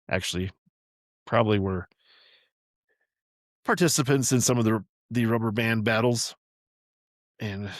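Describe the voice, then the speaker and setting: Older man, low voice, dry close sound, memoir reading, chatty rambling asides. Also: no echo. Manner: rambling, chatty, self-correcting. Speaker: podcast host.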